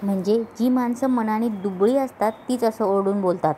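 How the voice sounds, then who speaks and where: A woman voicing a gentle, dutiful young daughter-in-law, speaking softly and slowly. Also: medium pitch, a little hiss or hum, close to an everyday voice. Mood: calm.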